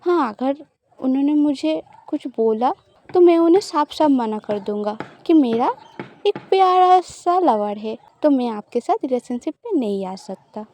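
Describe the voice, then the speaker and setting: A bashful young woman who pleads and backs away when teased, as a woman reads her lines. Her voice sits high and mellow, with a soft, unforced delivery for an audio love story. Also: expressive, measured pace. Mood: defensive.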